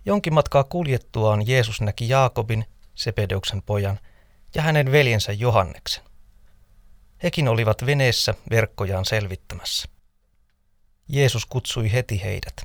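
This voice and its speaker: A man in a scripted scripture reading, narrating in a measured, steady manner. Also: lowish voice, no room sound, clean studio sound. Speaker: scripture reader.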